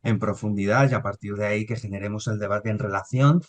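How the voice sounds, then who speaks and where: A man's voice: fairly low pitch, fairly even intonation, fast talker. A man, hosting a business podcast, hesitant and often restarting his sentences. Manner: hesitant, with many fillers and restarts. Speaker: podcast host.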